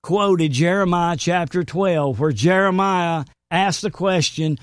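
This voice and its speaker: A man's voice: sits high, slow pace, clear, resonant tone, no room sound, studio quality. A man hosting a faith show, preaching earnestly and quoting scripture. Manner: earnest, emphatic, quotes scripture. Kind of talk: sermon-style commentary.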